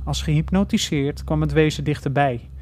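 A man reading a horror story aloud slowly and deliberately. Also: a little high, darkish tone, a little hiss or hum. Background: faint music.

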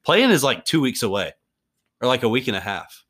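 A man in his early twenties co-hosting a sports podcast, relaxed casual chat with frequent laughs. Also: medium pitch, a little fast. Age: 20s. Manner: relaxed, laughs often, trails off. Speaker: podcast co-host.

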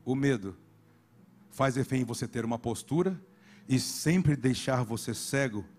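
A Brazilian man preaching a sermon as a pastor, dropping to low murmurs and then rising to shouted calls. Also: measured pace, soft background music. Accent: Brazilian Portuguese.

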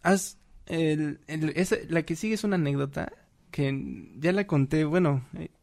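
A man's voice: fairly high pitch, unhurried, gravelly. Slangy Mexican man telling a story. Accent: Mexican Spanish. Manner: slangy, laughing, animated storyteller. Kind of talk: casual chat, storytelling.

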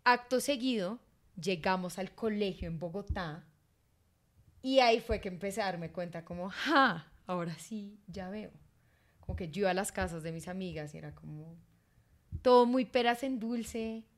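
A young woman from Miami co-hosting a casual podcast chat, talking loudly, bluntly and with plenty of swearing. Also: mid-range voice, moderate pace. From Miami, USA. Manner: loud, brash and foul-mouthed. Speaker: co-host.

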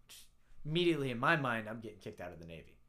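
A man's voice: mid-range voice, big pitch swings, very fast, pushed and bright. A man casually telling a rowdy story from his Navy days, swearing freely and acting out the dialogue.

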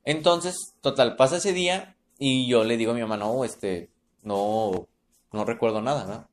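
A man's voice: mid-range voice, measured pace, a little hiss or hum. Mexican man telling a spooky story. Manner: tells a spooky tale, checking in with "¿no?" and "¿verdad?". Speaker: podcast storyteller. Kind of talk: casual storytelling chat.

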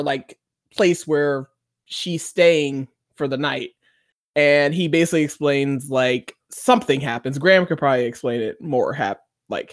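A man's voice: a little high, a bit bright, dry recording, studio quality. A man co-hosting a casual chat, recapping a TV episode in a rambling way, with lots of fillers and acted-out quotes. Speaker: podcast co-host.

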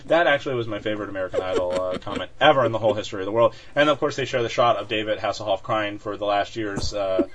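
This podcast co-host races through casual chat with hardly any pauses, laughing often and piling up fillers and restarts. His voice is on the low side. The dull lo-fi recording carries background noise.

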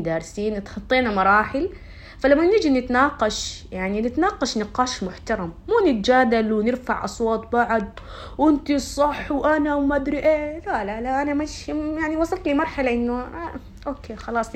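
A young woman talks fast and casually to her followers. Her tone is chatty and confiding, and she slips English words into her speech. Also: a little high. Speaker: vlogger.

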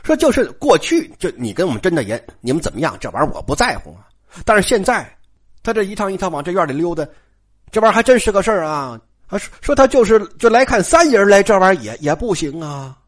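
A storyteller voicing a brash, scheming young nobleman who talks bluntly and fast. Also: mid-range voice, big pitch swings. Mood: resolute.

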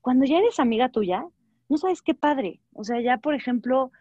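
A woman with a Mexican accent speaks in a fairly high voice, giving friendly advice and playing out small imagined conversations. Her delivery is chatty and full of restarts. The recording is dull and lo-fi, with a dry, close sound. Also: moderate pace, no echo. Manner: animated, acts out little dialogues, many fillers and restarts. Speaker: guest advisor.

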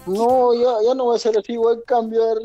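A man's voice: very high-pitched, level tone, moderate pace, mellow, highs cut off, soft background music. A man, a caller, playing a young schoolboy who whines and begs his mother not to tell his father. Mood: pleading. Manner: whiny, pleading, begging.

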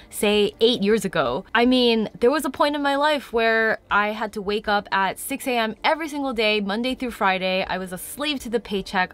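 A woman's voice: medium pitch, a bit bright. A woman in her thirties, talking candidly to her viewers in a casual vlog, a little congested from a cold. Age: 30s. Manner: candid, confiding. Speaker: vlogger. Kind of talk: casual to-camera chat.

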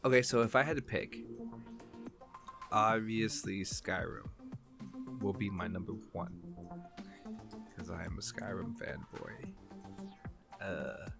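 A man's voice: fairly low pitch, takes it slowly, creaky, long pauses, over music. A young man co-hosting a casual podcast, talking in a rambling way, restarting and repeating words as he thinks aloud. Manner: rambling, self-correcting, often repeats words. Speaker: podcast co-host. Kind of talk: casual chat.

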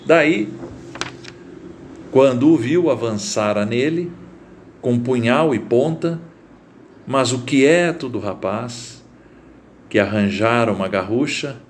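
A man reading a literary short story aloud as narrator, in a slow, deliberate and expressive way. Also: mid-range voice, a little hiss or hum.

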